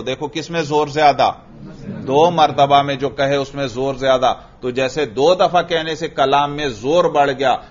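A man's voice: medium pitch, dull audio. A man from Pakistan with a Pakistani Urdu accent, teaching a grammar lesson to a class. He drills students with repeated questions and chants Arabic examples. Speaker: religious teacher.

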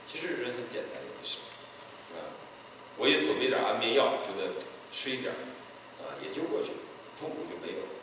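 A male pastor from mainland China, telling a story in an evangelistic sermon, acting out dialogue and breaking into loud exclamations. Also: mid-range voice, expressive, brisk, long pauses, a little hiss or hum. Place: large church hall. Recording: echoey hall, voice picked up from a distance.

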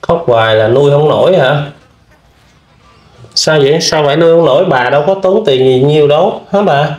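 A man hosting a video, gently questioning an older woman with many fillers. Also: a little high, brisk, echoey room, muffled recording, faint music behind. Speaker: vlog host interviewing. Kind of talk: casual interview.

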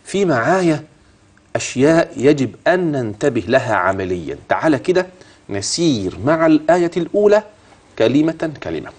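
A middle-aged man with an Egyptian Arabic accent teaching tajweed on a TV lesson, quizzing the viewer and modeling slow chanted recitation. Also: fairly high pitch, very animated, breathy edge.

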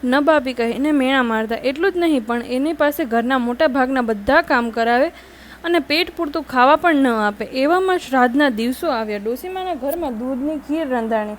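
A woman narrating a devotional folk tale in a gentle storytelling manner, addressing her listeners as friends. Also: high-pitched, normal speed, a little hiss or hum, low-quality recording.

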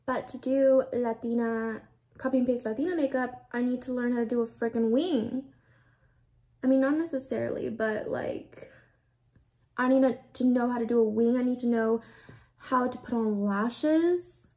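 With a high-leaning, dark-toned voice at normal speed, a young American woman in her twenties chats her way through a casual get-ready-with-me session while applying makeup. She's a beauty vlogger in a small indoor room with a plain backdrop, rambling and saying "like" constantly.

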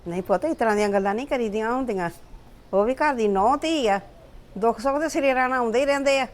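A woman's voice: on the high side, quick pace. Soothing middle-aged mother. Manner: soothing, advising. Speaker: mother character. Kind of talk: short film acting.

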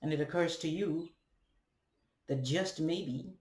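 With a fairly high, slightly mellow voice and a Ghanaian accent, a young vlogger from Ghana muses deliberately and haltingly to his webcam, often asking rhetorical questions and saying "right?". He's indoors at home, where bare walls and a ceiling fan surround him. The distant webcam captures an echoey room.

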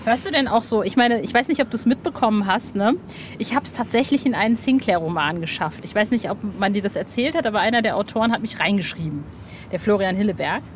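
Recorded among the ambient noise of an outdoor roof terrace, a woman interviews an author for her podcast. She talks fast in a mid-range voice, keeping things casual and chatty, gushing with enthusiasm and correcting herself as she goes.

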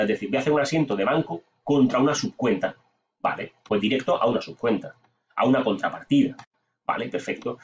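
A man teaching accounting software, talking himself through each step by asking and answering his own questions. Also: medium pitch, recorded from a distance, highs cut off. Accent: Spanish. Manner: talks to himself while clicking, asks and answers aloud. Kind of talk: screen-recorded software tutorial.

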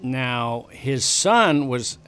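An older man from the western United States tells long, casual stories as a studio guest, rambling and restarting often. His medium-pitched voice is animated, with drawn-out words and a fairly bright, clean tone, captured by a desk broadcast mic on a boom arm in a small studio lined with bookshelves.

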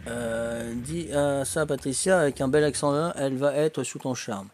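A man's voice: mid-range voice, a little slow, darkish tone, a little hiss or hum. An older man chatting casually with viewers while streaming a game, joking, laughing often and tacking "hein" onto his sentences. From Corsica. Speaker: livestreaming gamer. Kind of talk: casual livestream chat with viewers.

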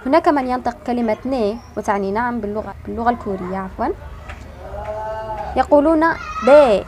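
A woman teaching an online language lesson, explaining slowly and patiently, stretching key words and pausing to think. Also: medium pitch, a little mellow, slight background noise.

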